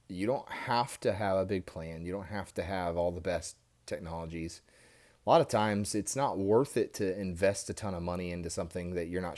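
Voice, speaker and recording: A man's voice: low-pitched, darkish tone. An American man, a podcast host, talks casually and off the cuff to his phone, using his headphones as a mic, rambling informally with many small asides. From Indiana, United States. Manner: informal, rambling with frequent "you know" asides. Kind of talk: casual off-the-cuff monologue to camera. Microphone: headphones used as mic with a phone.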